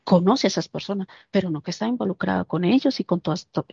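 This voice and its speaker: Woman, animated storyteller, acts out quotes, dull lo-fi sound, dry close recording. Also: fairly low pitch, fast, creaky, slightly rough, dry recording. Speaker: interviewee. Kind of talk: casual storytelling.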